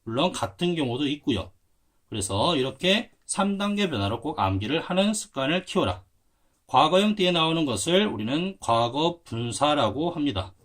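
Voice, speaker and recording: A man's voice: fairly high pitch, sing-song, normal speed, fairly bright tone. A man teaching English grammar to Korean learners, explaining patiently at a board and spelling words out letter by letter. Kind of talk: explaining at a whiteboard.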